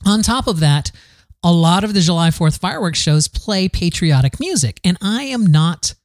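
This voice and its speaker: A man's voice: sits high, expressive, normal speed, dry recording, clean studio sound. A man from the American South hosting a podcast, talking in a candid, rambling solo monologue full of restarts. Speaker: podcast host.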